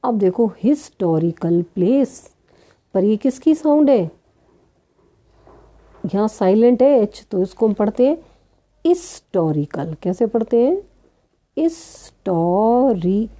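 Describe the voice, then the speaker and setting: A woman gives a grammar lesson in a slow, unhurried rhythm. Her voice is very dark and soft. She keeps asking her students questions, answers them herself, and spells out sounds one at a time. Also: a little high. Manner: addresses students as children. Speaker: teacher.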